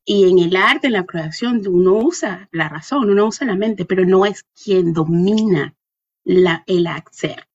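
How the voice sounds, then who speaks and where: With a fairly low, darkish voice and a slightly slow pace, a dancer and artist from Caracas answers interview questions reflectively. Her Venezuelan-accented speech searches carefully for words and checks in through small tag questions, captured in dull audio.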